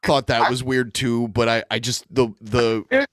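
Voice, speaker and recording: A man's voice: medium pitch, fairly even intonation, unhurried, a bit bright, no echo, studio quality. A man giving casual reaction commentary with blunt, crude jokes.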